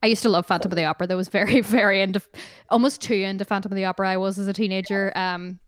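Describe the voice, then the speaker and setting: A woman's voice: mid-range voice, steady tone, rapid-fire, no room sound. Irish woman rambling on a video call, lots of likes and ums, dead dry sound. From Ireland. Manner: chatty, rambling, many fillers and laughs. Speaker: musician guest. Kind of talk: casual interview chat.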